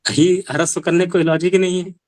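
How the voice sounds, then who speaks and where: A man's voice: high-pitched, level tone, fairly quick, darkish tone, no room sound. A male Sanskrit teacher giving an online language class, explaining step by step and asking rhetorical questions.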